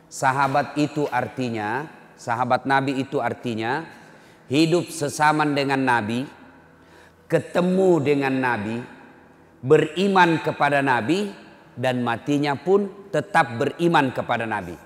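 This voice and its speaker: A man with a Makassar Indonesian accent preaching a dawn sermon, telling stories with lively swings between loud peaks and quiet asides. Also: mid-range voice. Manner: animated storytelling, voices quoted people, swings from loud peaks to quiet asides. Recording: echoey hall.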